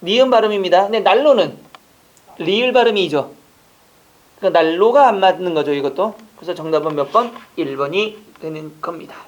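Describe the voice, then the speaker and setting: A man teaching an online exam-prep lecture, quizzing listeners with rapid rhetorical questions and casual joking asides. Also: high voice, muffled recording.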